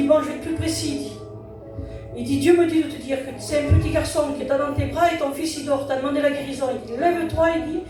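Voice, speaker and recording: A fairly high-voiced woman tells her testimony in an earnest, repetitive way, framing each line with "I said" and "he said". She is heard from a distance in a very echoey church hall while music plays behind her. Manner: earnest retelling, constantly repeating "I said" and "he said". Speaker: church member giving testimony. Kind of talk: spoken testimony at a church service. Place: church hall during a service.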